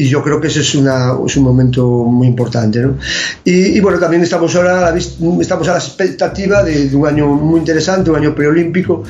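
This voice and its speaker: A man's voice: medium pitch, a little mellow. A man speaking as an athletics expert guest, giving opinionated, analytical interview answers. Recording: roomy, dull lo-fi sound.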